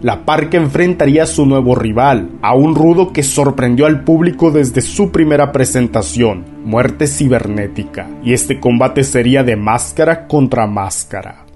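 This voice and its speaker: A man narrates a lucha libre documentary from a script, recounting wrestling matches over background music. His mid-range voice has a darkish tone and moves at a normal speed with few pauses.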